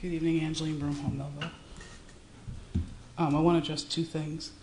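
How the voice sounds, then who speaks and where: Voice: medium pitch, level tone, a little fast, noisy background. A resident making pointed, confrontational public comment to a city commission. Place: council chamber. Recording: echoey meeting room.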